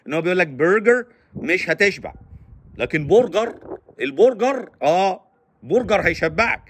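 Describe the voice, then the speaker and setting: A man's voice: a little high, a bit bright, slight background noise. A man with an Egyptian Arabic accent, giving casual advice in a joking, teasing monologue and mimicking silly speakers.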